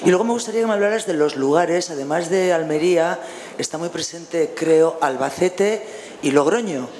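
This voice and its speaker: A man's voice: a little high, normal speed, a little mellow, a little hiss or hum. A man from Spain, a journalist politely asking a hesitant question at a press conference.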